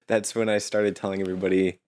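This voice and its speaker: A young man from Utah, a podcast guest, telling stories in a relaxed casual chat and chuckling often. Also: low voice, fast talker. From Utah, United States.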